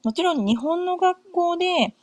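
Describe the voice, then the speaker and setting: A woman's voice: extremely high pitch, animated, measured pace, no room sound. A middle-aged woman from Japan hosting a casual podcast chat, talking in a loose, rambling way with many fillers and self-corrections. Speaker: podcast host. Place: home in North America.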